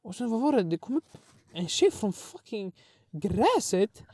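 Young man, high voice, slangy animated storytelling, dry close sound. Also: husky, no room sound. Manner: slangy, animated, many fillers, acts out voices. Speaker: podcast co-host, storyteller. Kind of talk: casual storytelling chat.

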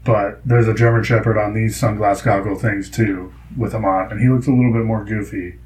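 A man's voice: on the low side, steady tone, fairly quick, darkish tone, poor audio. A young man chatting casually, telling rambling stories full of fillers. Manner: rambling, filler-heavy storytelling. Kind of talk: casual chat.

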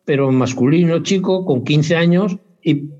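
In a relaxed interview, a man who is a basketball parent talks at a measured pace in a fairly high, darkish voice. His speech is rambling and hesitant, full of self-corrections, captured in dull lo-fi sound.

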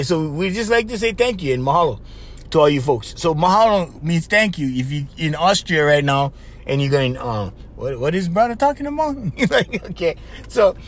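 A man with a Hawaiian Pidgin accent hosting a podcast, chatting casually and animatedly, laughing often and repeating himself. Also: on the high side. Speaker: podcast host. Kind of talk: casual chat.

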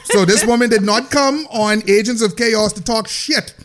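High-pitched playful Bahamian man. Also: moderate pace, fairly bright tone. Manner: playful, teasing, stammers and spells words out. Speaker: podcast host. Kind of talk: casual joking chat.

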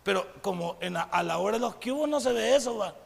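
Un pastor con acento centroamericano, de voz sorprendentemente aguda para un hombre y muy áspera y granulosa, predica con mucha animación. Lanza preguntas retóricas y representa diálogos. Su voz resuena con una reverberación larga, como en un salón grande. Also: male voice, high voice, fast, gravelly. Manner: animated preaching, rhetorical questions, acts out dialogues. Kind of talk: sermon.

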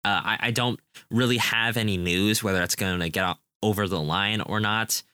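A young man co-hosting a podcast leads a casual soccer preview, talking enthusiastically while rambling and restarting his sentences. His very low voice has a bright, forceful, smooth tone that stays steady at normal speed, and the sound is dry, close and echo-free.

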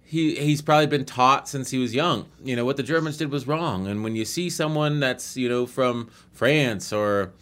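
A man in casual conversation about a film he watched, telling it in a lively way and acting out what people said. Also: medium pitch, moderate pace, hardly any pauses. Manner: animated, acts out quoted people. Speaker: co-host discussing a film. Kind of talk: casual chat.

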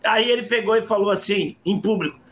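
A man, co-hosting a casual chat and telling stories with lively acted quotes and frequent restarts. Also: sits high, brisk. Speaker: podcast co-host.

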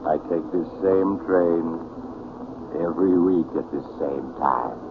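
The Mysterious Traveler, sinister deep-voiced radio storyteller. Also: male voice, takes it slowly. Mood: sly, eerie. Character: sinister, genial male storyteller of eerie tales. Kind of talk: 1940s radio acting. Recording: tinny, noisy old radio broadcast.

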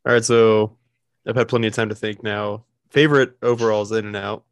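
A man in his twenties talks casually with friends in a relaxed, easygoing way. His voice is fairly low and recorded dry, with no echo. He swears offhandedly and often stops to think with an "uh.". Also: a little fast. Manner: easygoing, profane, hesitant with "uh". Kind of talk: casual chat.

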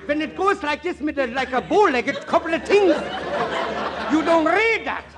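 A man's voice: very high-pitched, expressive, normal speed, a loud crowd, heavy background noise. A man playing an exasperated stage director who pleads and repeats himself in old-time comedy. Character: exasperated stage director losing patience with an actress.

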